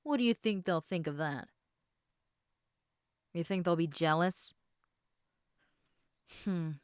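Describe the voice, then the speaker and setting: A woman voices an affectionate, teasing half-snake lamia in a casual, intimate audio roleplay, chatting informally with halting, trailing thoughts in a playful mood. Her voice is smooth and on the low side with lively intonation, recorded at studio quality with no echo.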